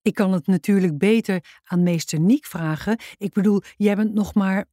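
A woman's voice: medium pitch, moderate pace, warm tone, dry recording, clean studio sound, close to an everyday voice. A woman doing a hesitant, polite teacher. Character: hesitant female teacher of another class. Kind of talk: reading a children's book aloud.

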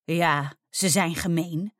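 A woman voicing an upset schoolgirl close to tears, talking in a high, shaky voice in a storybook reading. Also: steady tone, takes it slowly, dry recording. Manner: shaky, tearful, high-pitched.

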